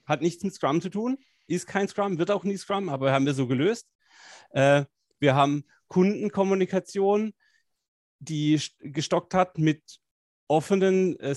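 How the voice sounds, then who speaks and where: Male agile coach, upbeat chatty co-host, slightly higher voice, dry close sound. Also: dry recording. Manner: energetic, colloquial, many fillers. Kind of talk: casual live-stream chat.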